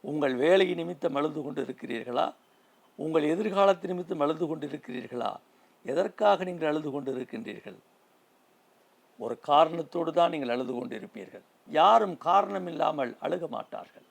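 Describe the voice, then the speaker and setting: A man preaching a sermon in a slow, emphatic way, repeating his phrases. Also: fairly high pitch, expressive, gravelly.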